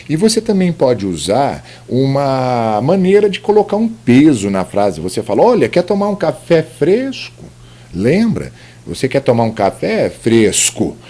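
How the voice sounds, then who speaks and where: A man talks through a grammar lesson over slides. His pitch swings up and down as he explains, and he keeps tagging sentences with quick questions to the viewer. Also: breathy edge. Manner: lively, explanatory, many tag questions. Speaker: grammar teacher. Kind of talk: recorded slide lecture.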